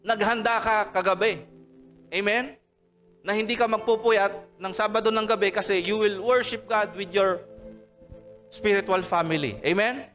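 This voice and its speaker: A pastor with a Filipino accent preaches to his congregation in a fairly high voice. He moves between English and Tagalog and keeps asking for an "Amen?" Soft music plays faintly under him. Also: moderate pace. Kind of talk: sermon. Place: church service hall.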